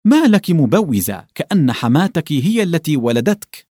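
A man voicing a carefree, cocky young village man who teases and laughs loudly. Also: a little high, big pitch swings, normal speed, no echo, clean studio sound, pitched above the performer's own voice. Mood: mocking. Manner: boisterous, teasing, laughing.

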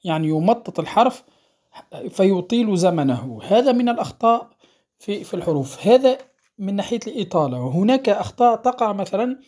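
Male recitation teacher, patient lesson delivery, measured pace with pauses and fillers. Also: sits high, big pitch swings, mellow. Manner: checks understanding with the listener, drawing out sounds to demonstrate. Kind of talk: spoken lesson on recitation rules.

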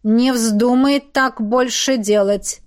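A woman voicing a booming, stern death-master man. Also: measured pace. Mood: gruff. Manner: booming, gruff, commanding.

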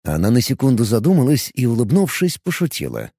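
A male narrator reading fantasy fiction aloud with expressive storytelling. His voice moves lively up and down and has a mellow, warm colour. The recording is close and dry. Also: mid-range voice, fairly quick, creaky, no echo. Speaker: audiobook narrator.

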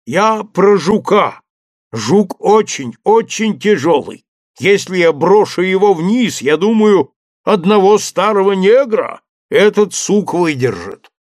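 A man's voice: sits high, lively intonation, takes it slowly, dry recording, clean studio sound, voice pushed up. A man doing an old servant calling from a treetop. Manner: plaintive, wheedling servant talk. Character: old male servant climbing a tree, simple, fearful, sly. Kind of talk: audiobook character voice.

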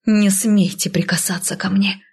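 A woman's voice: medium pitch, steady tone, moderate pace, darkish tone, husky. A woman voicing a humiliated young captive princess who hisses and snaps her lines through clenched teeth. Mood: hissing furious.

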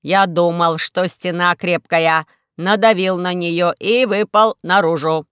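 A woman voicing a dramatic male robot who longs to suffer, talking loudly and slowly. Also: on the low side, fairly even intonation, smooth, dry recording, clean studio sound. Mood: gloomy. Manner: loud, slow, solemn declaiming.

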